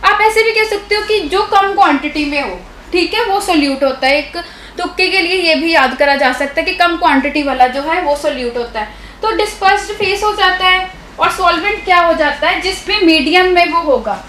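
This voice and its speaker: A woman's voice: very high-pitched, normal speed, bright, forceful tone, echoey room, a little hiss or hum, poor audio. A woman teaching a science class who keeps checking that her students follow along with questions to the class, speaking with a Hindi accent. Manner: explanatory, keeps checking understanding with rhetorical questions. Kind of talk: live online doubt-clearing class.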